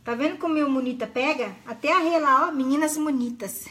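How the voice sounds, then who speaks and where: A woman's voice: high voice, a little fast, fairly bright tone. A middle-aged woman, hosting a live craft tutorial in a chatty, affectionate way and greeting viewers by name. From Brazil.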